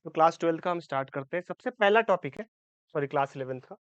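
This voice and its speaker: Man lecturing on chemistry, high clear voice, dry slightly dull recording. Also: fast talker, fairly bright tone, dry recording. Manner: repeats "theek hai?" to check in, corrects own slips. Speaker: chemistry teacher. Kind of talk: exam-prep lecture in Hindi-English mix.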